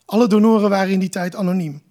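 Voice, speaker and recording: A man voicing a distressed middle-aged mother who speaks haltingly and repeats herself, in a live book reading. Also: high voice, steady tone, dark tone, natural voice. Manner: halting, repetitive.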